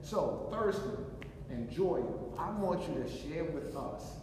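A man's voice: a little high, lively intonation, takes it slowly. A man hosting a casual podcast chat, easygoing and repetitive, often checking in with "right?". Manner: easygoing, repeats words, says "right?" often. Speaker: podcast host. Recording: echoey distant room with noise.

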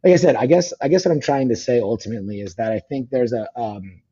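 A man talking fast as a podcast guest, rambling with lots of fillers and restarts. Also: mid-range voice, warm tone, breathy edge, highs cut off. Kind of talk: casual podcast conversation. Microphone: phone call.

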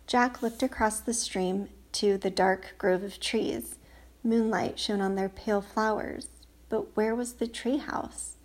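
A woman's voice: mid-range voice, steady tone, slow. A woman reading a children's storybook aloud, lifting her voice for the characters' lines. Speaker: audiobook reader. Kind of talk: storybook narration.

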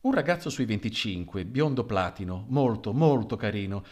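A man narrating a comic story in an expressive, wry manner. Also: fairly low pitch, normal speed.

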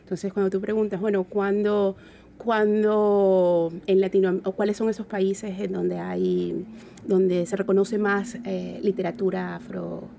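A woman with a Venezuelan Caribbean Spanish accent, talking reflectively in an interview and often halting to search for words. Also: mid-range voice, little pitch movement, creaky, mellow, a little hiss or hum. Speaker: interview guest. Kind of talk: reflective conversational interview talk.

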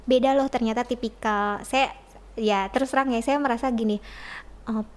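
A middle-aged woman with a slightly high voice talks as a guest, telling her own story candidly. She is chatty and warm, and she often laughs in the middle of a sentence. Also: steady tone, normal speed.

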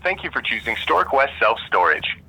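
A man's voice: mid-range voice, sing-song, a little fast, gravelly, bright, forceful tone, slightly rough. A man reading an upbeat scripted phone menu announcement, recorded over a phone line.

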